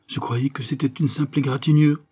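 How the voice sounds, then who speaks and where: A man voicing a haughty, sharp-tongued young sister in a read novel, with cutting, curt replies. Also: medium pitch, fairly even intonation, a little fast, husky, pitched above the performer's own voice, lightly acted.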